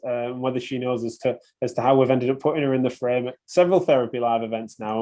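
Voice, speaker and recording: A man hosting a podcast interview, enthusiastic and prone to restarting his sentences. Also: medium pitch. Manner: hesitant restarts, warm enthusiasm. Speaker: podcast host.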